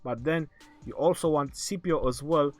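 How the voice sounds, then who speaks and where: Reading viewers' questions out loud and then answering, this male gaming livestream host talks at a moderate pace in a somewhat high voice gone hoarse; he's losing it. He laughs a lot during the relaxed Q&A, and faint background music plays.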